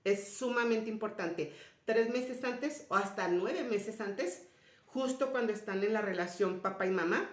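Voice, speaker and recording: A woman giving a spiritual personal testimony to an audience, retelling conversations and often dropping to a soft, low voice. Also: a little slow. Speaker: speaker sharing a personal story. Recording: roomy echoey sound.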